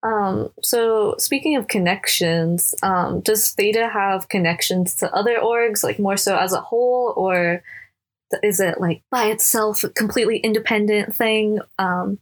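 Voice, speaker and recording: Young female interviewer with a mid-pitched voice and a slight lisp; nervous, giggly, apologetic. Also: fairly even intonation, unhurried. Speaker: student interviewer.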